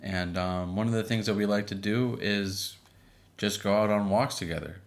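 Deep-voiced man, easygoing podcast co-host. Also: normal speed. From Boston, Massachusetts. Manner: relaxed, with frequent fillers. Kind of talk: casual chat.

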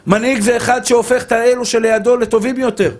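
A man's voice: extremely high pitch, flat delivery. A male rabbi giving a Torah lesson to a live audience, speaking emphatically, repeating phrases and calling his listeners dear brothers.

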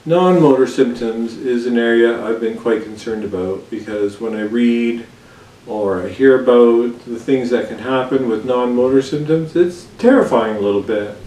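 Candid man in a roomy, distant recording. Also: medium pitch. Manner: candid, relaxed, with frequent fillers and pauses. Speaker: vlogger. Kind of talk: casual personal vlog. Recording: roomy sound from a distant mic with faint background hiss.

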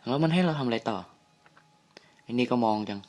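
A young man giving casual let's-play commentary on a horror game, hushed and jumpy, with startled outbursts and swearing. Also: mid-range voice, lively intonation, fairly quick. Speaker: gamer playing a horror game.

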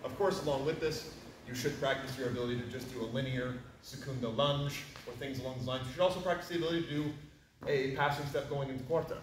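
A man giving an instructional fencing demonstration, explaining movements and breaking them into short, crisp commands. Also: mid-range voice, fairly even intonation, fast. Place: large echoey indoor training hall. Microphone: distant camera microphone. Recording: very echoey room, distant mic, faint noise.

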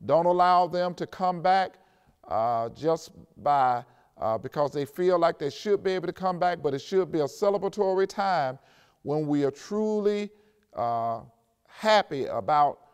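An older pastor preaching a sermon at a pulpit in an empty church, slowing down to stress scripture and speaking straight to his congregation. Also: on the high side, smooth. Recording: long church reverb.

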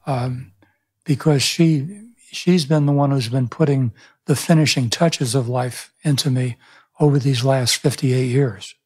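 A mid-range, husky, slightly mellow voice, steady in tone and a little slow, comes from a man in his seventies. As a pastor and author in a reflective interview, he tells stories thoughtfully and often restarts his sentences. He's in a small room indoors, using a studio microphone on a boom arm.

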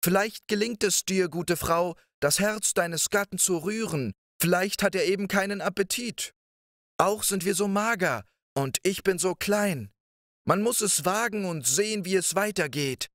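A man doing a tiny, quick-witted boy hero with a high voice. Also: fairly bright tone, dry recording, studio quality. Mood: pleading, reasoning.

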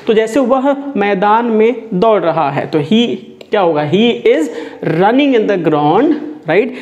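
A man's voice: high voice, a little mellow, dull audio. A man teaching a spoken English lesson, switching between Hindi and English and drilling example sentences.

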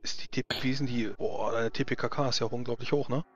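Male game master, halting tabletop narration, slightly dull mic with faint background noise. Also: medium pitch, fairly even intonation.

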